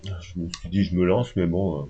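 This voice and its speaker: A fairly low-voiced man rambles to camera, unscripted and hesitant, filling pauses as he goes. He sounds only just awake, with a dark, mellow tone. The home recording is dull and lo-fi. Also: level tone, breathy edge. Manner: rambling, hesitant, many fillers. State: just woken up. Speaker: vlogger. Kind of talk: unscripted casual talk to camera.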